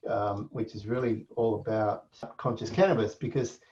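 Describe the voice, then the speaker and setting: A man hosting a video call, giving halting closing remarks with many restarts. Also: fairly low pitch, steady tone, dark tone. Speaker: event host. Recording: dull lo-fi call audio.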